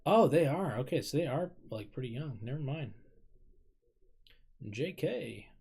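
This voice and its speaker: A man's voice: medium pitch, expressive, a little slow, creaky, dark tone, breathy edge. Rambling thirty-something man reacting. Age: 30s. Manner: rambling, self-deprecating, laughs often. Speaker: K-pop reaction YouTuber. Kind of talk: casual reaction commentary.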